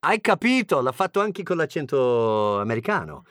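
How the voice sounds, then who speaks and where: A man's voice: medium pitch, very animated, normal speed, a bit bright, no room sound, clean studio sound. A man from England with an English accent and English as his first language, giving a playful, joking language lesson as a teacher. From England (Birmingham).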